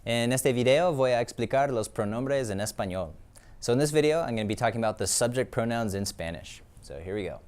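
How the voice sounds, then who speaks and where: A man's voice: medium pitch, expressive, fast, darkish tone, smooth. Man teaching a Spanish lesson. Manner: explains patiently, many ums and uhs. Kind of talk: classroom lesson.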